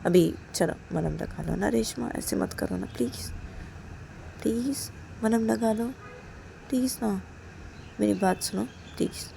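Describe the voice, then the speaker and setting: A woman's voice: medium pitch, lively intonation, unhurried, gravelly, long pauses, dark tone, slight background noise. A woman voicing a caring young woman who pleads and coaxes her partner over and over. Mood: pleading coaxing. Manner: pleading, coaxing, repeating "please".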